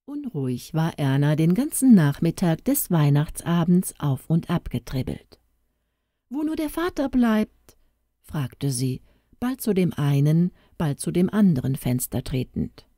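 A woman's voice: sits low, expressive, a little slow, dark tone, dry recording, clean studio sound. A woman narrating a Christmas story for an audiobook, reading expressively and giving each character a voice.

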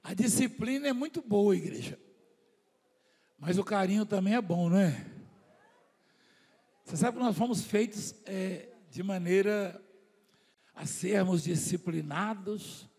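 A man from Brazil preaches to his congregation in a high, slightly husky voice. He lingers on key words and drops to near-whispers for his asides. The sound rings out with a long hall echo. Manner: slow emphatic preaching, swinging from loud declarations to soft asides; acts out the voices of people in his stories. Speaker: apostle preaching to his church. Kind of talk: sermon.

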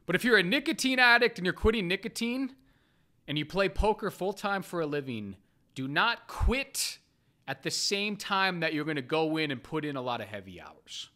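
Blunt, profane man with a bright voice. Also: normal speed. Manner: blunt, profane, animated with swings between loud bursts and low mutters. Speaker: poker player vlogger. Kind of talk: casual storytelling monologue.

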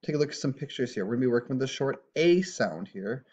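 A man's voice: mid-range voice, animated, quick pace, darkish tone, husky, lo-fi sound. A man teaching a phonics lesson to kindergartners, sounding out short vowel words one by one in a patient way. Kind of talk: slow phonics lesson for young children.

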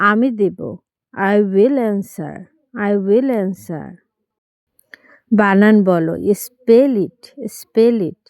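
A woman leading English phrase drills for learners. She says each line in Bengali, then repeats it slowly in English. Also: mid-range voice, a little mellow, smooth, no echo, studio quality. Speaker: English teacher.

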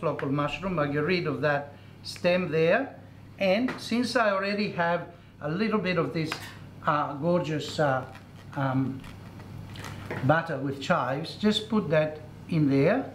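A middle-aged man whose voice is a little high hosts a cooking show from a commercial kitchen, chatting and instructing while he cooks. The kitchen echoes, faint sizzling comes through, and there's slight background noise.

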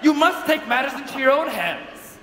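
A young man playing a scheming, excitable sidekick in a stage comedy, emphatic and coaxing. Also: very high-pitched, normal speed. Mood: urgent. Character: scheming, excitable male sidekick egging on a vain lover. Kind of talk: broad stage comedy acting. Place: large theatre stage, filmed from the audience. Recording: echoey theatre, noisy, from the audience.

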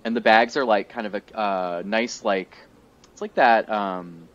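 Over a headset on a video call, a thirtysomething podcast co-host chats casually from an indoor home room, slightly congested and quick to laugh. He speaks at a measured pace in a fairly low, somewhat bright voice, and the audio is muffled and lo-fi.

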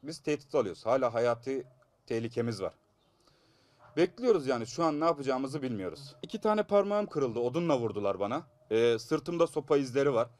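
A man's voice: mid-range voice, animated, brisk, a little mellow. A man in his thirties with a blocked, congested nose, telling a news interviewer about an assault in an urgent, aggrieved and pleading manner. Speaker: assault victim giving a statement.

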